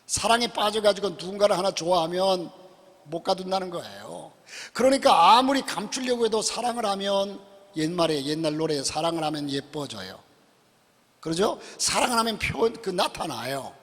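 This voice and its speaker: A man preaching a sermon as a pastor in a church sanctuary, swinging between loud emphatic rises and quiet asides. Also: high voice, lively intonation, moderate pace. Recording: long church hall reverb.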